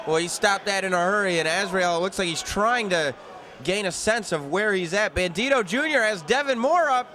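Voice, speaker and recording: A man's voice: high-pitched, normal speed, sharp tone. A man giving color commentary on live wrestling, with conversational, analytical asides. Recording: noisy live event background.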